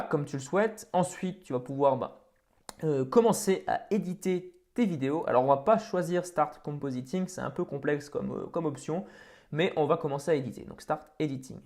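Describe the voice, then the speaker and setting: A man hosting a software tutorial, talking casually over a screen recording with many fillers and restarts. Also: on the high side, a little fast. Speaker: tutorial host.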